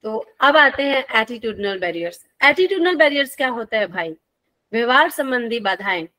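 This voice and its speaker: A woman's voice: on the high side, big pitch swings, normal speed, sharp tone, no room sound. A woman teacher, giving a friendly, playful lecture and asking her students questions as she goes. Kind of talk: classroom lecture.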